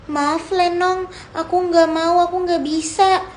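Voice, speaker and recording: A woman voicing a timid, fearful young woman who talks hesitantly and softly in a homemade drama. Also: very high-pitched, steady tone, slow. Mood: pleading. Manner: hesitant, soft and pleading.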